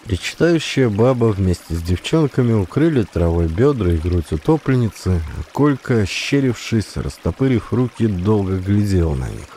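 Warm-voiced man reading an audiobook. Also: fairly low pitch, normal speed, hardly any pauses, a little hiss or hum. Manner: steady, expressive storytelling. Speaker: audiobook narrator. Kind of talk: scripted audiobook narration.

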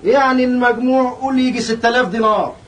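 An actor playing an obedient, businesslike tax clerk with an Egyptian accent in a historical audio drama. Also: male voice, extremely high pitch, steady tone, fast, fairly bright tone. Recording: distant, faint noise.

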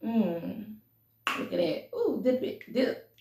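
A woman's voice: mid-range voice, big pitch swings, takes it slowly, recorded from a distance, background noise. A woman vlogger chatting casually while eating, laughing often and humming between bites. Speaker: mukbang vlogger. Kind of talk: casual eating vlog chat. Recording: echoey room, voice a bit off-mic.

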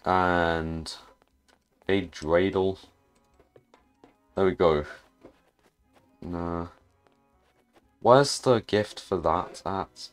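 A man talks through a video game in a very low voice. He takes his time, hesitating and trailing off as he thinks aloud. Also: very slow, long pauses, clean tone, faint music behind. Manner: hesitant, muttering to himself with restarts. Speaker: gaming YouTuber. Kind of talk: casual gameplay commentary.

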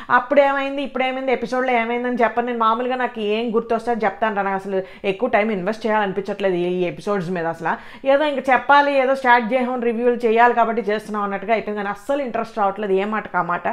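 A woman giving a casual spoken review of a reality show in a blunt, scoffing, chatty way. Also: fairly high pitch.

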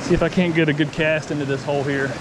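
A man vlogging while fly fishing by a mountain creek, talking casually to the camera and getting excited and repeating himself when a fish bites. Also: fairly high pitch. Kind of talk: casual outdoor narration. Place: outdoors by a rushing mountain creek. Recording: outdoor recording with loud stream noise. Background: rushing stream water.

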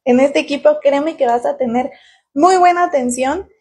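A woman's voice: sits high, normal speed, darkish tone. A woman in her thirties with a Mexican accent, leading a sales team and explaining her method to the camera, recorded on a phone indoors. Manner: persuasive, explains step by step with hand gestures. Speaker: direct sales team leader. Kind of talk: casual direct-to-camera sales pitch. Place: small indoor room with tiled wall. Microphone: phone camera at arm's length.

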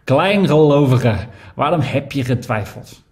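A man voicing a calm, commanding male teacher in a scripture reading, firm and reassuring. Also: mid-range voice, measured pace, voice pushed up, lightly acted.

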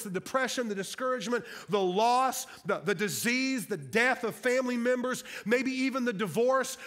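A man's voice: sits high, a bit bright. A middle-aged man preaching an impassioned, fired-up sermon.

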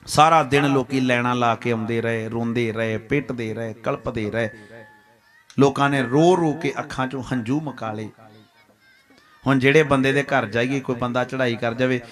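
Man, religious storyteller, dramatic delivery, repeated phrases, middle pitch, faint music. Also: fairly even intonation, moderate pace.

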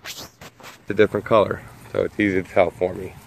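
A man's voice: low-pitched, little pitch movement, a little fast, gravelly, a little hiss or hum. A man in casual home-video narration, chatting offhand outdoors in a backyard among his chickens. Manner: chatty, offhand, explains things plainly. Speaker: backyard chicken keeper filming his flock.

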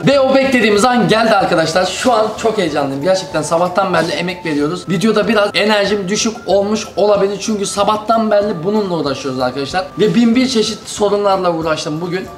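A high-pitched man talks his viewers through his gameplay, getting loud and cursing whenever opponents show up. His voice rings in a roomy space, and loud music plays underneath. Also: fast talker, few pauses. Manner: excitable, shouts and curses at opponents mid-game. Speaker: gaming YouTuber. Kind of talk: casual gaming commentary to viewers.

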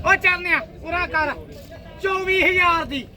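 A man with a very high-pitched voice and a Punjabi accent haggles as a livestock broker. He talks in theatrical, teasing patter and slips into rhyme. A busy market crowd and traffic sound clearly behind him. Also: unhurried, bright, forceful tone. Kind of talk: loud haggling banter at a market. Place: outdoors at a goat market.

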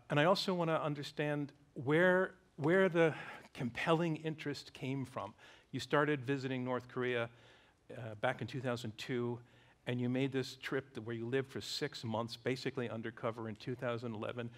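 A man in his sixties hosting an onstage conversation, with a measured, emphatic broadcaster delivery. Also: medium pitch, steady tone. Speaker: debate host and moderator. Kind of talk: onstage interview. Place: large theater stage with audience.

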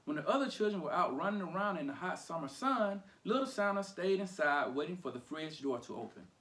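Animated man reading a children's story. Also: high-pitched, brisk. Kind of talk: read-aloud children's storytime.

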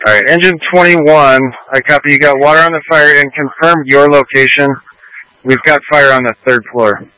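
A man's voice: a little high, steady tone, moderate pace, bright, forceful tone, clear, resonant tone, no room sound, poor audio. A man working as fire incident commander, giving terse radio orders over a two-way radio. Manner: terse, directive.

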